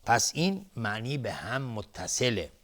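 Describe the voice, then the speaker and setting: A man teaching tajweed on a TV lesson, chanting slowly and melodically and then explaining the rules in quick, plain speech. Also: medium pitch, very animated. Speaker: Quran recitation and tajweed teacher.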